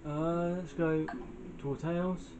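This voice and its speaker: A young man, a gamer who hosts a channel, plays a video game indoors facing a TV screen, offering offhand, casual remarks and often muttering to himself. The audio is dull with a noisy background and video game music behind the voice, while his fairly high voice stays steady and slow.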